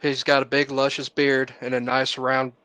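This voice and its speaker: Bright-voiced man joking on a podcast. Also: mid-range voice, completely flat delivery, moderate pace, smooth, no echo. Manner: laughing, crude banter. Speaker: podcast co-host. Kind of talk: casual chat.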